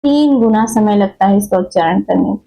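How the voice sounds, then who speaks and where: A woman's voice: medium pitch, a little fast, vocal fry, mellow, low-quality recording. A woman teaching a Hindi grammar lesson, stopping often to check in with her students and drawing out vowel sounds as examples. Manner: repetitive, checks in with "theek hai" often, drags out vowels as examples. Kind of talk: explanatory classroom lesson.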